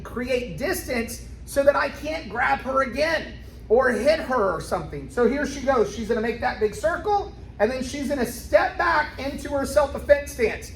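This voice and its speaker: A woman teaching a children's karate class, explaining each step and often checking in with an okay. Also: high voice. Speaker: karate instructor. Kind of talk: instructional demonstration for a children's class. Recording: roomy echo, clear background noise.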